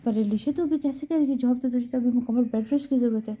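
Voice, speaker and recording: A woman voicing an outspoken young woman friend with a brisk, protective, bossy manner. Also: fairly high pitch, dark tone, a little hiss or hum, natural voice.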